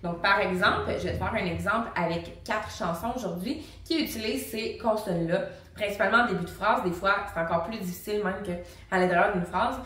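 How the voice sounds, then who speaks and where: A woman, a singing teacher and vocal coach, explaining technique to the viewer in a lively, casual way and demonstrating the sounds herself. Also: mid-range voice, fairly quick. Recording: very echoey room, mic at a distance.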